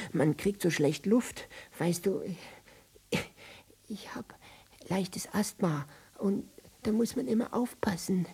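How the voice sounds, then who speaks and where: A woman's voice: fairly low pitch, vocal fry, warm tone, husky, full character voice. A woman voicing a nervous, bumbling, asthmatic costumed hero who stammers and frets in a children's radio drama. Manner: stammering, fretful.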